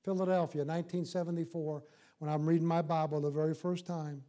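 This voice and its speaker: An older man preaching a church sermon in an animated, folksy, joking way, putting rhetorical questions to his listeners. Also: on the high side, brisk. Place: church sanctuary, in front of a small congregation.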